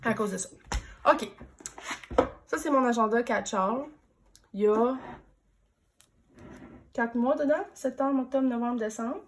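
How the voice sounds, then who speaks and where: A woman's voice: on the high side, a little slow, long pauses, background noise. A woman in her thirties with a Quebec French accent, chatting casually in a planner flip-through vlog while still recovering from a throat infection that leaves her voice slightly off. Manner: chatty and relaxed, many hesitations. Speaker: teacher and planner vlogger.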